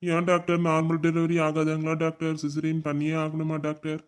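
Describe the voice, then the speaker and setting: Guy voicing a nervous young husband, cartoon, kinda high voice, super polite. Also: completely flat delivery, normal speed, clean tone, natural voice. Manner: polite, anxious, repeats respectful address. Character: earnest young husband, soon a father.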